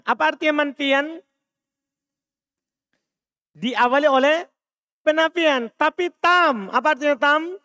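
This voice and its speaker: A man's voice: very high-pitched, a bit bright, smooth, dry recording, studio quality. A man with an Indonesian accent teaching Arabic grammar in a classroom lesson, explaining, repeating key terms and checking that students understand.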